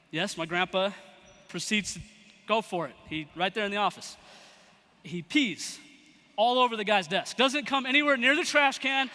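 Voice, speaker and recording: High bright-voiced man on stage. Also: a little hiss or hum. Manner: animated storyteller acting out quoted voices. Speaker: motivational speaker. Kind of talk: storytelling keynote speech. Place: large event hall. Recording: long hall reverb.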